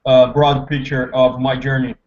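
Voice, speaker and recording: A man's voice: medium pitch, level tone, normal speed. Man from Brazil on a crackly call line. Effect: crackly, breaking-up remote call line. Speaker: guest trader on a live market show. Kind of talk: remote interview call. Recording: muffled lo-fi headset call audio.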